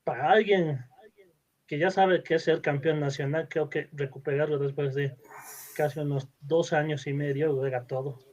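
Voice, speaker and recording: A man's voice: fairly high pitch, steady tone, normal speed, a little mellow. A man chatting casually as a wrestling panelist, with blunt, sweary interjections. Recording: dull, lo-fi voice sound.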